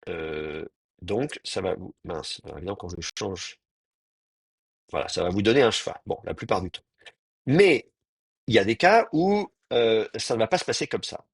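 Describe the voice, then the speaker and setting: A man lecturing to a small online class, pausing often and reworking his sentences as he thinks aloud. His voice sits low and sounds husky, recorded dry and close with no room around it. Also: expressive, dry recording. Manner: hesitant, thinking aloud with many pauses and restarts. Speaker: teacher.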